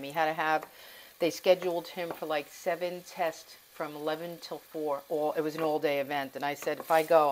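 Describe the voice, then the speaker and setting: A woman whose voice sits on the low side demonstrates cooking in her home kitchen, chatting casually, rambling, and confiding in her viewers as a home vlogger. The recording is of poor quality, with a slight hiss or hum.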